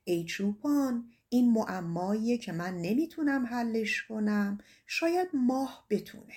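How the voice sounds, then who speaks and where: A grand male wind spirit from an old folk tale, put on by a woman narrator. He answers in a slow, solemn and lowered voice. It sounds like a storybook read aloud, and the voice sits fairly high for a woman. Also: lively intonation, a little mellow, natural voice.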